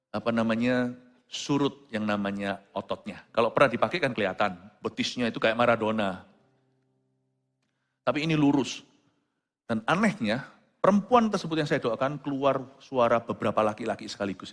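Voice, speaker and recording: A male pastor with a mid-range voice preaches a sermon, shifting between quiet storytelling and loud exclamations while dropping English phrases into his talk. The recording carries a long hall reverb and faint music.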